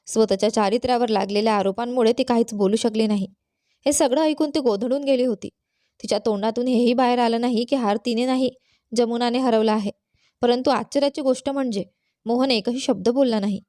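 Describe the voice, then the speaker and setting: A woman storyteller reading a moral tale in a steady, even manner. Her voice is fairly high yet mellow, recorded dry and close with no room sound. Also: a little fast, no echo. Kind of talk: scripted narration of a moral story.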